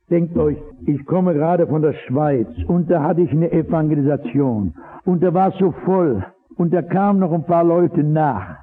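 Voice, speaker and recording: A man preaching a sermon, impassioned, swinging from loud exhortation to low earnest asides. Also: breathy edge. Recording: tinny old radio broadcast.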